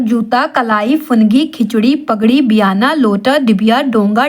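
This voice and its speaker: A woman tutoring for an exam in Hindi, asking rhetorical questions and answering them herself, mixing in English terms. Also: high voice. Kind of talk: classroom-style exam lesson.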